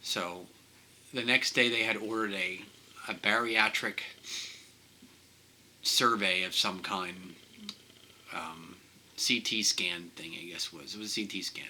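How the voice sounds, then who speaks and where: A man telling a personal vlog, halting and emotional, often repeating himself as he speaks. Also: deep voice, fairly even intonation, pushed and bright, slight background noise, rough recording. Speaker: vlogger.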